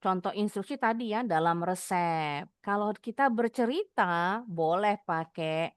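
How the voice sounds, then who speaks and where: Lively woman teacher, clear dry voice. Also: medium pitch, a little slow, dry recording. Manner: lively, repeats points for emphasis; sounds out example sentences with exaggerated intonation. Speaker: English teacher. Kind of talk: explaining a lesson to young students.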